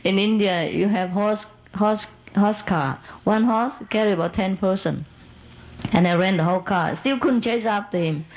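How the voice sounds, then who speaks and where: A woman's voice: mid-range voice, normal speed, a little mellow, poor audio. A woman telling a long personal story in casual, non-native English, rambling and laughing as she goes.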